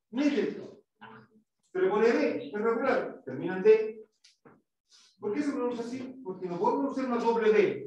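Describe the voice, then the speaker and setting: A man's voice: high-pitched, darkish tone. A male English teacher giving a classroom lesson, explaining step by step, quizzing students and demonstrating sounds. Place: school classroom. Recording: echoey classroom, mic far off.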